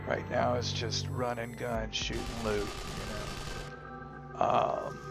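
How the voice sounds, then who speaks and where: Creaky, cracking-voiced man gaming. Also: mid-range voice, little pitch movement, takes it slowly, loud music behind the voice. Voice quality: cracking, strained voice. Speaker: gameplay streamer. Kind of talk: casual, sweary game commentary.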